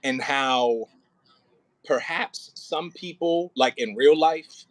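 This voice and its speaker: Speaking slowly in a mid-range voice, this man directs an audio play, giving an actor informal rehearsal coaching and line notes and frequently acting out possible readings. The recording is dry and of poor quality.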